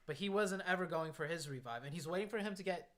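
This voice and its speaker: A man's voice: on the high side, fast talker, fairly bright tone. A man doing conversational play-by-play and analysis of a shooter match, explaining the tactics as he goes. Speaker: esports commentator. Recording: clear noise, game gunfire and clicks. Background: gunfire and clicks from the game.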